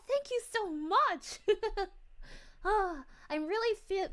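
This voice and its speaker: Casting: a sweet young cartoon princess streamer, extremely high-pitched, gushing, giggly, cooing, chatty. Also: female voice. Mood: playful, flattered. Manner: gushing, giggly, exclaims with cooing woo-hoos. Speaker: livestream host. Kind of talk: casual livestream chat, reading viewer messages.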